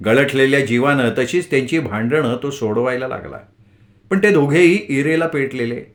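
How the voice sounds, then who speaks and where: A man's voice: mid-range voice, animated, moderate pace. A man narrating a novel as an audiobook storyteller, reading steadily and expressively.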